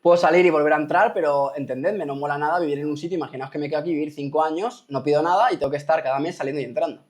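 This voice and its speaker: This host from Spain races through a casual talk to his viewers in a slightly high voice, with hardly any pauses. He keeps asking rhetorical questions to check in, most often "¿me explico?"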